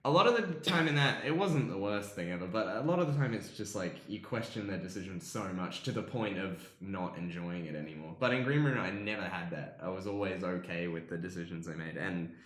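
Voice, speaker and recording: A man with a lowish voice chats about films among friends, rambling and pausing on ums. The sound carries a noticeable room echo. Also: animated, fairly bright tone. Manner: rambling, hesitant with many ums. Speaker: podcast co-host. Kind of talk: casual film chat. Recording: echoey room.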